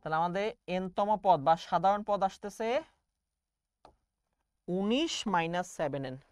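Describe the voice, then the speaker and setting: A woman's voice: fairly low pitch, a little slow, darkish tone, clear, resonant tone, no room sound, clean studio sound. A young woman math teacher. She explains step by step and calls her students "baba" in an online class lecture.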